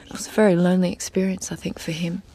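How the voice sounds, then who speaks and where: A woman's voice: lowish voice, level tone, fast, warm tone. A woman actor giving film commentary, recalling the shoot with admiration.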